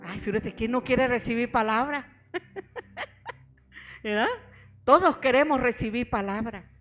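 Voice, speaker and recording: A woman's voice: on the high side, moderate pace, faint music behind. A middle-aged woman pastor preaching a sermon, telling her own story and calling her listeners beloved brothers.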